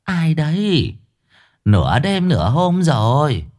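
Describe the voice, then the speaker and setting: A man's voice: fairly high pitch, huge pitch swings, slow pace, a little mellow, voice pushed up, heavily acted. A man voicing an old village woman, woken at night and startled by visitors. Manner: startled, questioning.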